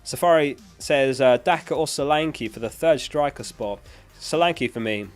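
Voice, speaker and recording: This livestream host, unwell and with his voice beginning to fail, chats casually while reading out viewer questions and answering them matter-of-factly. His mid-range voice moves at a moderate pace into a close dynamic studio microphone, faint music in the background.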